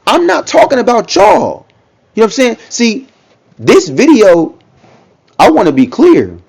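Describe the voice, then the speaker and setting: A man's voice: extremely high pitch, very animated, measured pace, gravelly, darkish tone, husky. A man giving casual reaction commentary, talking in a loose, repetitive way and often checking in with the listener. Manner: conversational, repeats himself, frequent "you know what I'm saying".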